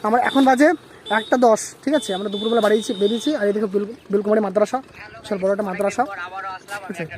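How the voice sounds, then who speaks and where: A young Bangladeshi vlogger chats casually with his viewers while riding outdoors on a rural road for a travel vlog, often checking in and repeatedly asking them "okay?". His voice is high, steady, a little mellow, and very fast. A slight hiss or hum is audible.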